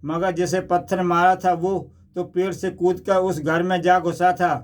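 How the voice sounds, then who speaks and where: Male comic narrator, high and unhurried, measured delivery. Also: little pitch movement.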